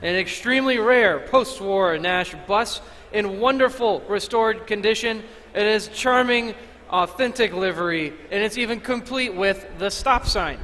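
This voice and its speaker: A man's voice: high voice, unhurried, bright, forceful tone. A man announcing auction lots, reading out scripted descriptions of each item. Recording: echoey auction hall.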